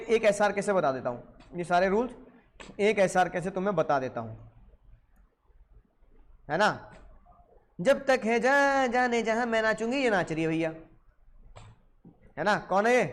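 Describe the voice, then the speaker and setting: Brief: middle-aged Indian male law teacher, higher voice, lively storytelling lecture style. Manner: animated storytelling with film examples, asks students questions.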